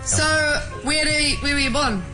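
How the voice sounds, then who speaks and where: A woman radio co-host doing a mock date, chattering quickly and mishearing the answers. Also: high-pitched. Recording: echoey room, loud music over it.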